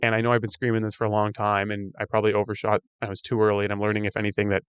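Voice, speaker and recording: Man co-hosting a podcast, rapid, low-ish voice, from Canada, thinking out loud. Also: smooth, dry recording, clean studio sound. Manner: fast, animated, thinking aloud. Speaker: podcast co-host. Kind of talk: casual chat.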